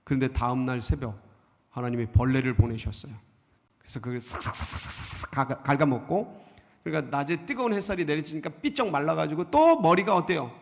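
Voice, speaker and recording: A middle-aged male pastor preaching a sermon, asking the congregation questions and answering them himself, dramatic and expressive. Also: brisk, creaky. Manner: dramatic, acts out emotions with sudden pitch jumps. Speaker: senior pastor. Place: church sanctuary. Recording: church sanctuary with long reverb.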